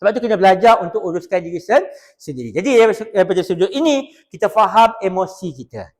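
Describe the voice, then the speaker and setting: A high, very lively male voice with a Malaysian Malay accent, leading a customer service training course. He talks in a joking, animated way and keeps breaking into short acted scenes. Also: fast. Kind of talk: classroom lecture with acted examples.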